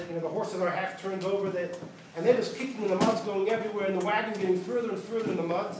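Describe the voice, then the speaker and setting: A high-voiced male rabbi tells stories at a gathering in a synagogue hall, animatedly acting out quotes and mixing in Yiddish words. The recording is distant, very echoey, and noisy.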